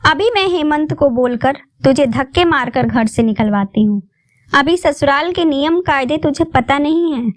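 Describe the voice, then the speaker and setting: A woman voicing a spiteful young sister-in-law who sneers and shouts. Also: sits high, expressive, normal speed, no echo. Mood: angry.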